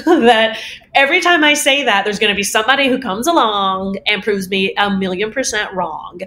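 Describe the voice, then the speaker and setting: A woman voice teacher answering interview questions in a casual, animated way, laughing often and poking fun at herself. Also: a little high. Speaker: voice teacher guest.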